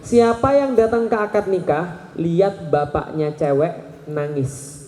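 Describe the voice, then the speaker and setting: A man in his thirties giving a lively religious talk to a live audience, questioning the crowd and joking. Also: high voice, a little slow. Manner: animated, asks the crowd questions and jokes. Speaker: Islamic preacher. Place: large hall with an audience. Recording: echoey hall recording.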